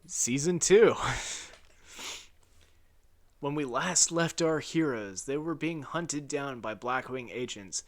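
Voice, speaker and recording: A man's voice: mid-range voice, a bit bright. A man reading his own video essay script raw and unedited, casual and wry, swearing and restarting flubbed lines.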